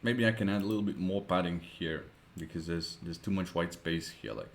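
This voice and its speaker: A native Dutch speaker with a Dutch accent narrates a screen-recorded web design tutorial in a deep voice, thinking aloud with lots of pauses and fillers.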